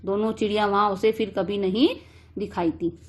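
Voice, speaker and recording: A woman's voice: mid-range voice, fairly even intonation, moderate pace. A woman teacher reading a story aloud and restating each line in simple words for students.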